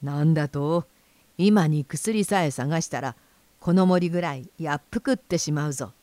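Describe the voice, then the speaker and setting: A woman voicing a fat, greedy, quick-tempered rich man in a storybook reading, blustering and shouting threats. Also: deep voice, dry recording, lightly acted. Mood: furious.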